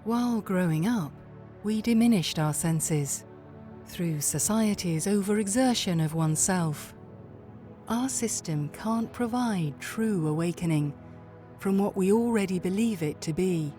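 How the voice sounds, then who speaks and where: A woman's voice: medium pitch, measured pace, warm tone, close to an everyday voice. An actress playing a serene spokeswoman, reading scripted promotional narration for a research facility. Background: music.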